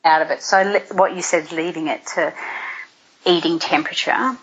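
A middle-aged woman with a husky, slightly low voice talks through nutrition advice in a casual, practical way. She leans on everyday examples from her own kitchen. The recording sounds dull and lo-fi. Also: steady tone, moderate pace, fairly bright tone. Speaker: nutrition guest expert. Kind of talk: casual explanatory chat. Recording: dull lo-fi audio.

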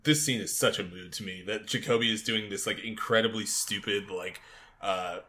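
A man co-hosting a casual TV recap podcast, animated and quick to laugh, with casual swearing. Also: fairly low pitch. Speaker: podcast co-host.

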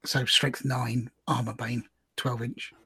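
A man co-hosting a casual podcast, chatting through army lists with quick asides and bursts of laughter. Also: mid-range voice, level tone, bright, forceful tone, slightly rough, no room sound. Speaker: podcast co-host. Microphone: remote call.

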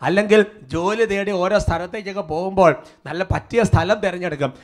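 A man preaching a sermon, calling out for responses and quoting scripture. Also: sits high. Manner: fervent prayer, then steady teaching. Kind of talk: sermon with prayer and worship.

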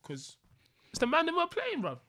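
A man's voice: very high-pitched, huge pitch swings, normal speed, bright, forceful tone, no echo, studio quality. A young man with a London roadman accent, chatting and debating casually in repetitive, emphatic slang. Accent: London, multicultural urban roadman slang.

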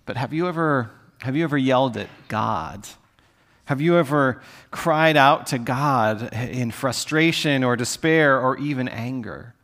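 A middle-aged man preaching a sermon as a pastor, talking in a conversational, earnest way and dropping to soft, pleading tones when he reads the scripture aloud. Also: medium pitch, a little slow.

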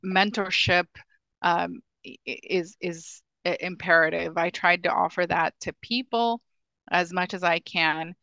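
A woman's voice: on the low side, fairly even intonation, unhurried, creaky, sharp tone, dry recording, rough recording. A woman from Ethiopia with a mixed Ethiopian and Midwestern accent, a native Amharic speaker, answering podcast interview questions earnestly with many restarts. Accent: mixed Ethiopian and Midwestern American. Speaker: guest, government technology official.

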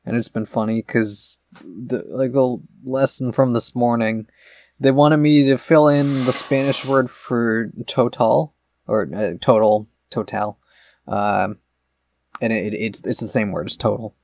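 A man's voice: medium pitch, fairly even intonation, measured pace. A man co-hosting a podcast in casual chat, rambling through explanations with many fillers. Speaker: podcast co-host.

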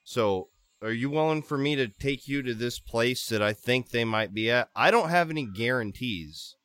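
A man's voice: mid-range voice, animated, normal speed, fairly bright tone, dry recording, clean studio sound. A man playing his character in a tabletop game podcast, rambling and hesitant in a comic way. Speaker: player.

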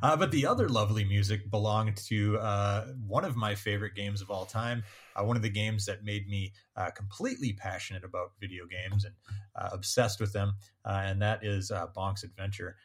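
A man hosting a casual games podcast, relaxed and hesitant with many fillers. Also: fairly low pitch, normal speed, slightly rough. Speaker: podcast host. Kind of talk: casual chat.

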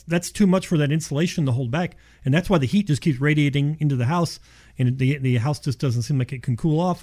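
A man's voice: on the high side, darkish tone. A man speaking as a contractor guest in a casual radio interview, explaining in a folksy way and repeating himself for emphasis. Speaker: insulation contractor, show guest.

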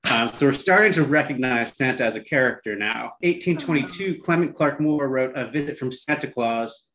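Male co-host, average pitch, chatty explainer with a dry, irreverent edge. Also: moderate pace, fairly bright tone, rough recording. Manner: conversational, wry, irreverent. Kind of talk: casual explainer chat.

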